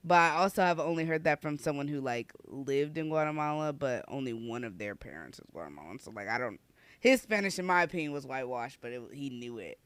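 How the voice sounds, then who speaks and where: A man's voice: medium pitch, lively intonation, fairly quick, fairly bright tone, clear, resonant tone, no room sound. A man co-hosting a podcast, talking in a loose, rambling way full of "like" fillers. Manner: rambling, many "like" fillers, laughs a lot. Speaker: podcast co-host. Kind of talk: casual chat.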